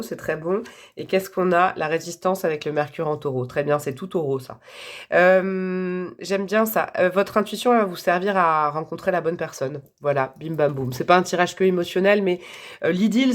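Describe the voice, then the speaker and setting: A woman giving a casual tarot reading to camera, chatty and enthusiastic, thinking aloud with many fillers. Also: fairly low pitch. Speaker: tarot reader.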